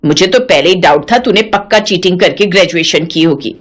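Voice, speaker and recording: A woman voicing a sharp-tongued widowed mother-in-law in her sixties, scolding and scornful. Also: fairly low pitch, animated, a little fast, voice pushed down. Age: 60s. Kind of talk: animated story voice acting.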